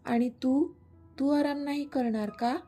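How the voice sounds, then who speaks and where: A woman's voice: high voice, steady tone, measured pace, mellow, faint music behind. A woman voicing a young wife who sounds coaxing and mock-cross. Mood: pouting. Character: pouting, affectionate young wife.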